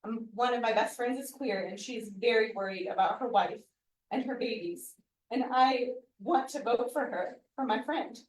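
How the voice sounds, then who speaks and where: Woman moderator, higher voice, near tears, far from mic in an echoey hall; closing a community forum. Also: normal speed. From Eastern Kentucky. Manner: emotional, voice breaking near tears. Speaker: event moderator.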